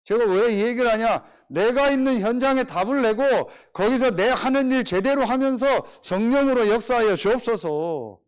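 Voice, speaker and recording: A man's voice: very high voice, normal speed, hardly any pauses. A middle-aged male pastor preaching a sermon, telling everyday stories and repeatedly firing rhetorical questions at the congregation. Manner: animated, rhetorical questions, storytelling.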